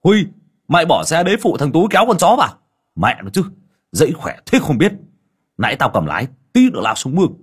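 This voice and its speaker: A coarse older village man barks orders and curses in a loud, raised voice, as a narrator puts him on. The pitch jumps well above the narrator's own and the speech is quick and rough. The tone stays husky. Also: wildly swooping pitch, full character voice. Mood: gruff. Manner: gruff, cursing, loud.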